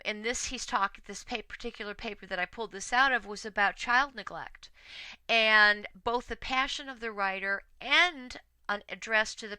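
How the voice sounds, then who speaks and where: A woman's voice: medium pitch, pushed and bright, clean tone, no room sound, rough recording. A woman teaching writing in a recorded lecture, talking in a conversational way with fillers and self-corrections.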